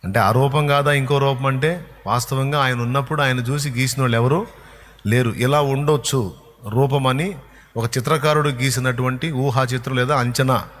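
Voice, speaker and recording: A man's voice: mid-range voice, steady tone, moderate pace, a bit bright. A male pastor preaching a sermon, emphatic and repetitive as he drives each point home. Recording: long hall reverb.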